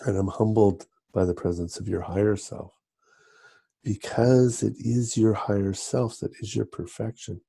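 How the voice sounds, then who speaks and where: Male hypnotherapist: very dark, husky voice, soft soothing guided relaxation, gentle and unhurried. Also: fairly low pitch, fairly even intonation, dry recording. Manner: slow, gentle, hypnotic pauses and repetition.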